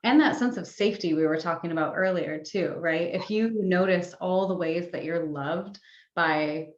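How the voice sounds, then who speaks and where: Gentle low-voiced woman, roomy dull audio. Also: moderate pace. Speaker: guest, sex and somatics coach. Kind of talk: casual podcast interview.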